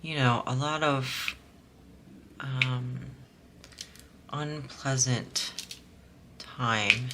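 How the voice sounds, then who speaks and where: A woman with a slightly hoarse, scratchy throat, chatting casually and softly while she works on a craft project. She rambles, with lots of fillers and restarts. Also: extremely low pitch. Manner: soft-spoken and rambling, with many fillers and restarts. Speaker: diamond painting vlogger.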